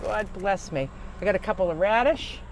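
A man's voice: high-pitched, moderate pace, a little hiss or hum, poor audio. A man chatting casually to camera from his parked van at a rest stop, rambling with fillers and restarts. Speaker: van-life vlogger.

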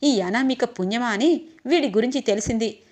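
Brief: woman narrator voicing a feisty young wife, fairly high voice. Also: normal speed, a little mellow, close to an everyday voice. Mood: defiant. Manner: defiant. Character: spirited young wife defending her husband.

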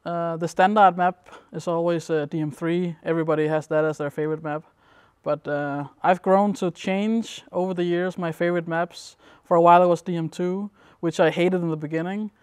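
A young man from Denmark, a competitive gamer, answering interview questions in a relaxed, rambling way with plenty of fillers. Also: on the high side, moderate pace, few pauses, clean tone, no room sound, studio quality. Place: dim indoor room at a gaming event.

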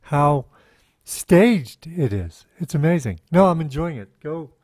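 A man's voice: fairly high pitch, lively intonation, a little slow, a little mellow, breathy edge, no room sound, clean studio sound. A man hosting a casual interview, amused and encouraging his guest. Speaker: host.

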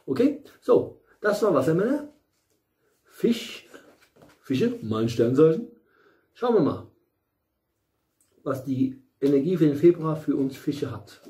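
A man's voice: a little high, sing-song, slow, pauses often, dark tone. A middle-aged man giving a casual tarot reading at home, rambling with many fillers and restarts and the odd blunt aside. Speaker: tarot reader. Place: small room at home, in front of a bright window.

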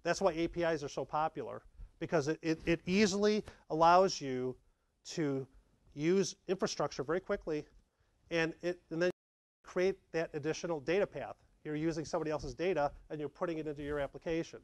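Speaking briskly in a slightly high voice, this middle-aged man is a chatty tech presenter who acts out examples in a lively, conversational way. The sound is dry with no echo, captured during a meetup slide talk in a darkened meeting room lit by a projector.

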